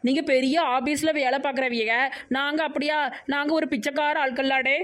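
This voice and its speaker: A woman's voice: sits high, steady tone, normal speed, a bit bright. A woman voicing a mischievous, playful young teacher in a cartoon, with a Tirunelveli Tamil accent and a teasing, sarcastic manner. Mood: sarcastic sulking.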